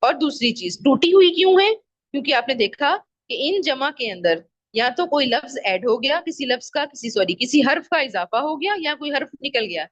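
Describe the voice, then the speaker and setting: A woman teaching an online Arabic grammar lesson, patiently repeating each example word slowly. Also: sits high, expressive, no echo.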